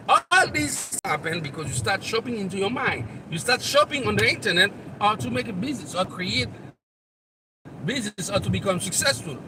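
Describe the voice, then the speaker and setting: A Haitian man with a high voice and a Haitian accent gives a live motivational talk. He speaks straight to the listener and repeats his points earnestly. He sounds distant from the mic, over loud traffic outdoors. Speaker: motivational coach and channel host. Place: outdoors near traffic, on the road.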